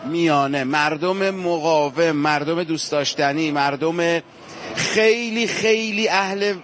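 A man's voice: on the high side, a bit bright. A man reporting on location at a pilgrimage walk, talking fervently and emphatically to viewers and the people he interviews.

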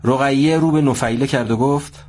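A man narrating a scripted story at a steady pace. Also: mid-range voice.

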